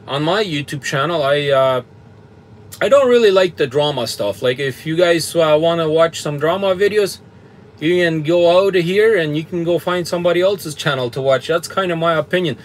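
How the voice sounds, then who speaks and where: Chatting loosely from his truck cab with its bunk heater and fan, a fairly high-voiced Canadian trucker runs a live stream and reads comments aloud as they pop up. He talks at normal speed, bluntly and plainly, chuckling often and using lots of fillers.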